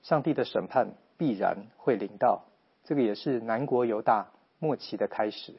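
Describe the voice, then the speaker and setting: A man giving an earnest, measured Bible teaching talk with rhetorical questions, on a slightly dull, lo-fi recording. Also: lowish voice, creaky, husky. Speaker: preacher.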